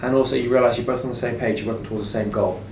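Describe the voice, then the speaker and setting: This co-host, a man who runs a business, races through his views in a casual conversation using a steady-toned, mid-range voice. The mic is distant, the room echoes, and there is background noise.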